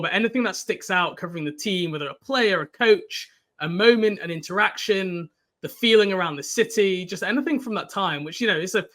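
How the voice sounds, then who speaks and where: High bright-voiced man hosting a podcast. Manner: jokey, asks long rambling questions with restarts. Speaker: podcast host. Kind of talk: casual podcast interview.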